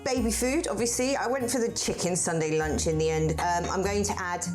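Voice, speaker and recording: A middle-aged woman who hosts a show and keeps ferrets presents casually to camera, chatty, upbeat and quick to laugh. Her voice is medium-pitched and fairly quick, though she is tired after a vaccination. Faint music plays behind her.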